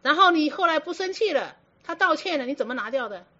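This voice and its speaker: A woman delivers a Buddhist sermon in a high, animated voice, speaking fast with a sharp tone. She keeps asking her listeners rhetorical questions. The recording is dull and lo-fi.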